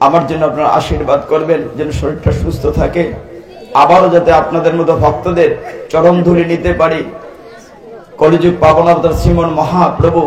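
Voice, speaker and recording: A man's voice: a little high, roomy sound, poor audio. A man preaching a devotional sermon in an emotive, pleading way. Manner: emotive, pleading, sometimes sings the chant.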